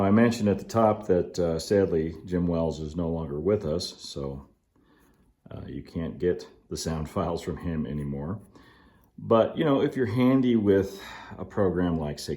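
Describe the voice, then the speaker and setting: A man in his fifties with a very deep, dark-toned voice hosts a model railway channel. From an indoor hobby workshop, he gives a hands-on tutorial, explaining things step by step in a casual, folksy, easygoing way.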